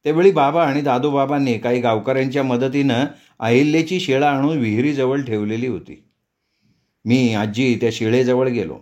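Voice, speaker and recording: A man narrating a novel aloud in a measured storytelling manner. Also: mid-range voice, a little mellow. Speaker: audiobook narrator.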